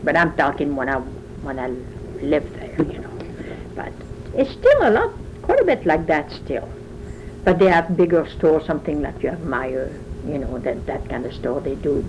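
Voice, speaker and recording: An older Frenchwoman with a French accent recounts her life story in an oral history interview, rambling conversationally and restarting often. Her voice is on the low side with a darkish tone, and the recording is muffled with slight background noise.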